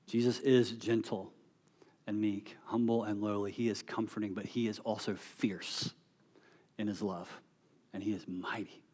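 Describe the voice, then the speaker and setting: A man preaching an earnest sermon, building to emphatic peaks and then dropping to quiet, soft phrases. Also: lowish voice, level tone, a little slow, breathy edge. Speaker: pastor.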